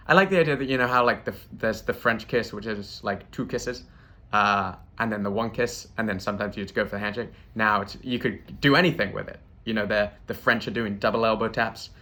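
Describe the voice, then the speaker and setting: British male comic host, bright tone, rambling and deadpan. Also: mid-range voice. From Britain. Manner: rambling, self-interrupting, deadpan asides. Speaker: comedian host. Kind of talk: stand-up storytelling.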